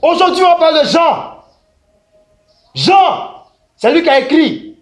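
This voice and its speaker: A man voicing a fervent male preacher who shouts his sermon high and loud and calls for donations. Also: animated, normal speed. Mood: preaching.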